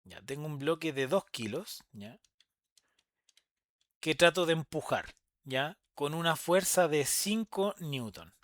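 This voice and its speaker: A young man with a Chilean accent teaching a recorded physics class, lively and chatty, with quick asides to his students. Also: fairly high pitch, no room sound. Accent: Chilean Spanish. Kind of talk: recorded online class lecture.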